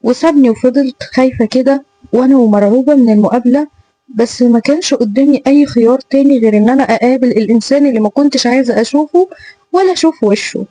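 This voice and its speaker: A woman's voice: on the high side, mellow, rough recording. A woman with an Egyptian accent narrating a painful first-person story in an emotional way. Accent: Egyptian Arabic. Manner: emotional, pained retelling.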